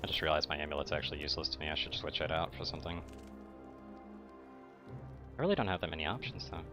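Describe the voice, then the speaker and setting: Deep-voiced young man gaming casually. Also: animated, fast, over music. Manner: argumentative, swears a lot, pedantic about rules. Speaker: co-op gamer.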